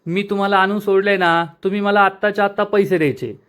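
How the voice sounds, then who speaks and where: A stubborn, cheeky young taxi rider who keeps haggling and teasing, as a man retells him. The voice sits high for a man. The dialogue is read out as part of a serial episode recap. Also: steady tone, fast talker, fairly bright tone, clean tone. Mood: insistent.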